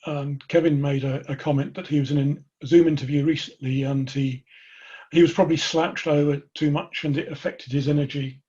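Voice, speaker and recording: A man relays chat questions in a flat, husky voice, hesitating with frequent fillers. The sound is muffled video call audio. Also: fairly high pitch, brisk.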